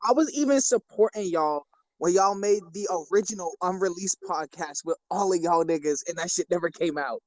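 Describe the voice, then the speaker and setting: A man's voice: high voice, brisk, darkish tone, rough recording. A young man, a guest on a casual podcast, talking in a laid-back, slangy way. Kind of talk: casual joking chat.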